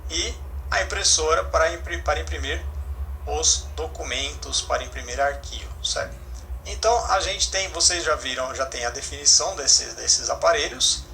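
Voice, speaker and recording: Bright-voiced male English teacher. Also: a little high, moderate pace, creaky, slight background noise. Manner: explanatory, frequent "né?" and self-corrections. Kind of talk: online class explanation.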